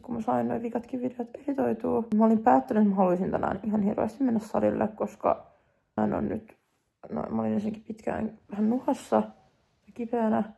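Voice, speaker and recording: A woman's voice: fairly high pitch, steady tone, gravelly, warm tone. A young woman in her twenties, casually vlogging to a phone camera at home, chatty and upbeat with lots of fillers. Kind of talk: casual vlog chat to camera. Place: at home, indoors.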